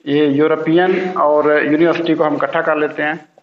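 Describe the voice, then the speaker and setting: Teacher, male, patient and repetitive, slightly high voice, roomy lo-fi recording. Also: flat delivery. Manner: patient, repeats key words slowly. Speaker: English teacher. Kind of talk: classroom grammar lesson. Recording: roomy, dull lo-fi sound.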